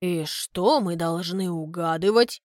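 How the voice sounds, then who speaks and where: A woman voicing a courteous, shrewd middle-aged male butler who speaks in a measured, inquiring way. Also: on the low side, a little mellow, dry recording, clean studio sound. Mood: puzzled, polite.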